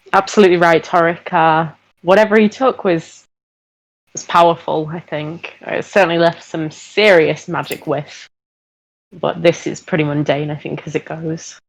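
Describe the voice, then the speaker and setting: Offhand low-voiced woman at a game table. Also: fairly even intonation, unhurried, vocal fry, poor audio. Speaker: player. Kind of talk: tabletop play.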